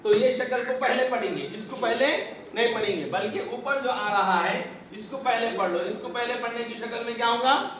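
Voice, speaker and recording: A man's voice: extremely high pitch, normal speed, a bit bright. A man teaching a class on Arabic letters, asking questions and repeating the answers himself. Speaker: religious teacher. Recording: echoey room, distant mic, background noise.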